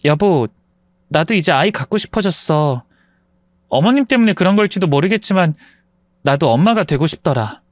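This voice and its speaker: A man voicing a gentle young wife who speaks softly and tentatively. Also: on the high side, animated, moderate pace, long pauses, no echo, lightly acted. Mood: tender.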